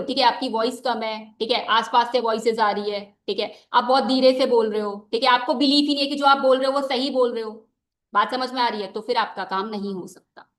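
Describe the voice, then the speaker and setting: Young woman trainer, high voice, echoey room. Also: fairly bright tone. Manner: conversational, repeats "ठीक है" as a filler; mixes in English phrases. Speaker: network marketing trainer. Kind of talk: motivational training talk. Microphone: wearing a microphone.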